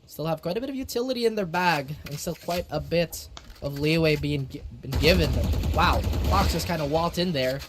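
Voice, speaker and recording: Excitable male esports play-by-play caster. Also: a little high, moderate pace, slight background noise. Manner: excitable, theatrical phrasing. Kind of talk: play-by-play commentary.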